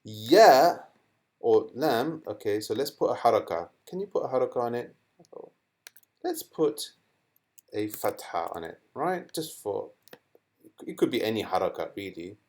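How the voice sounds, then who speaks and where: A man teaching children a lesson in a playful, animated way, asking questions and making sound effects. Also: medium pitch, measured pace, pauses often.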